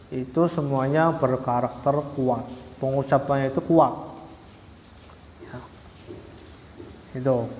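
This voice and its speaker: Slow-paced teacher in echoey hall. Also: male voice, a little high, a little mellow. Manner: slow, patient, repeats each point with drawn-out "ya"; sounds out Arabic letters syllable by syllable. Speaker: Quran recitation teacher. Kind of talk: religious lesson. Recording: echoey hall, roomy reverb.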